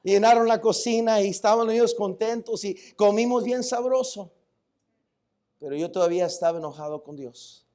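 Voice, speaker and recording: A man with a Mexican Spanish accent, a pastor preaching a sermon in church, telling a personal story that drops hushed and low before building to loud preaching, often stumbling and restarting words. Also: normal speed.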